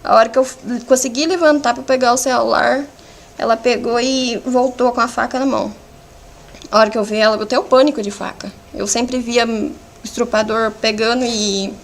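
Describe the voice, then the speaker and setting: A woman with a Brazilian accent giving courtroom testimony as a defendant, in a halting, fragmented way full of restarts. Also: a little high, steady tone, vocal fry. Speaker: defendant under questioning. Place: courtroom hearing.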